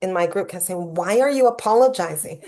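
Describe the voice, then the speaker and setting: A woman on a video call who talks quickly and keeps apologizing with a laugh. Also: mid-range voice, a little mellow. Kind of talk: casual group video chat.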